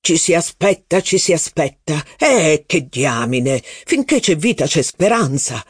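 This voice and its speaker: A man's voice: on the high side, sing-song, a little mellow, breathy edge, no echo, studio quality. A man reading the lines of a blustering, self-centered aristocratic duke in an audiobook. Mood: relieved. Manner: blustering, quick to temper.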